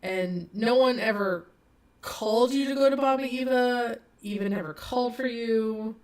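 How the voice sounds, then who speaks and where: A woman narrating as game master of a tabletop horror game, slow and halting with many restarts. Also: on the high side.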